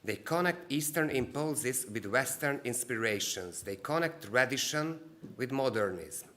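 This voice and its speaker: A man's voice: mid-range voice, expressive, unhurried, bright, forceful tone. A man with a Hungarian accent giving a formal opening speech at a literary congress. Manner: reads a prepared speech steadily, with a few restarts. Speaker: speaker from a cultural agency.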